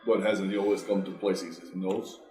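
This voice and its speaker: A man playing a proud, stern half-orc warrior in a tabletop game, speaking formally, deliberately and with emphasis. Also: sits low, level tone, a little mellow, natural voice. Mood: measured pride. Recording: roomy echo, music behind.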